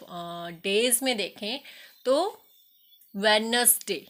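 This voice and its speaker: A woman teacher explaining an English lesson, reading English sentences slowly and loudly and spelling words letter by letter. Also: medium pitch. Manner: spells words letter by letter, addresses students as beta. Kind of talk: recorded classroom lesson.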